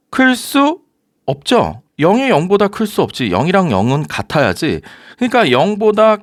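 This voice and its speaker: A man teaching a recorded high-school math lecture, talking students through each step and often checking with rhetorical questions. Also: no echo, studio quality. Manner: lively, coaxing, asks rhetorical questions.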